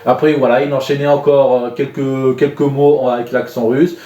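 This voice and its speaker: A man talks through films from his collection in a loose, rambling way, often stopping and starting over. His voice is dark and mellow. The room gives it a noticeable echo. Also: medium pitch, little pitch movement, moderate pace, dull audio. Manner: rambling, many fillers and restarts. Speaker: DVD collection vlogger. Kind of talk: casual spoken film reviews.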